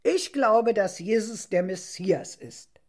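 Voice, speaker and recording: A woman's voice: mid-range voice, animated, takes it slowly, darkish tone. A woman voicing the apostle Peter, an earnest grown man who explains things patiently, in a storybook reading.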